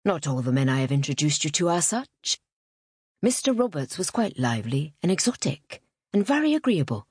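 A stern older father who is disapproving and controlling, as a woman narrator puts him on. He speaks low, firm and measured, with a husky edge and a dry, close sound. It comes from an audiobook reading. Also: big pitch swings, darkish tone, no room sound, heavily acted.

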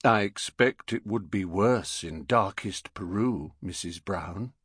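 A man's voice: deep voice, takes it slowly, fairly bright tone, husky, no echo, clean studio sound, full character voice. A man doing a polite earnest young bear.

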